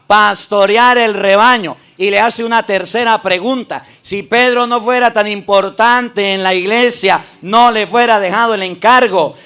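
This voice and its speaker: A man's voice: high-pitched, bright, forceful tone, smooth. A priest in a debate, arguing emphatically with his opponents and repeating scripture phrases for stress. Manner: emphatic, addresses opponents directly. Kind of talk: preaching debate argument.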